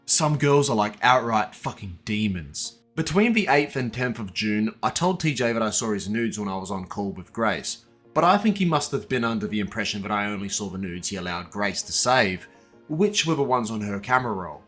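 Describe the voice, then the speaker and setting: A man's voice: fairly low pitch, expressive, moderate pace, a bit bright, faint music behind. A man narrating a scripted exposé in a casual, blunt and profane manner, with sardonic asides aimed directly at the person he is exposing. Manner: sardonic, addresses his target directly.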